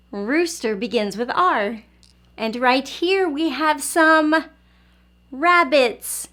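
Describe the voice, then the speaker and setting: A woman hosts a storybook read-aloud and early learning lesson in a high, pushed, bright voice. Addressing small children, she offers simple encouragement and asks them questions, leaving pauses for their replies.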